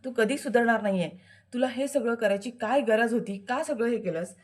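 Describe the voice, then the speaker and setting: A woman's voice: a little high, fairly quick, a little mellow, lightly acted. A woman voicing an angry, stern woman from a serial who harshly scolds a relative. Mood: furious. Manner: scolding, fierce.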